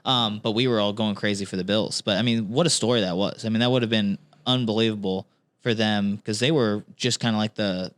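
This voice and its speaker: Podcast guest, male, somewhat low voice, dry close mic, easygoing with many fillers. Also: steady tone, brisk, fairly bright tone, dry recording. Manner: easygoing, hesitant, laughs often. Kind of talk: casual sports chat.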